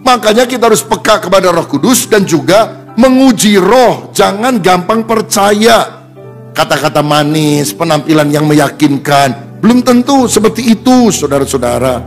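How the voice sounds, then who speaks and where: A man, a pastor preaching a sermon in a lively way, putting on voices for the people in his stories. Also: fairly high pitch. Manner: animated, acts out quotes in changing tones.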